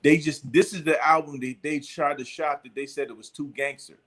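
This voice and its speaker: A middle-aged man with a somewhat high voice chats casually as a host. He tells his story in a rambling way, full of fillers and restarts. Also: steady tone, fairly quick, a bit bright. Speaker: podcast host. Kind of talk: casual chat.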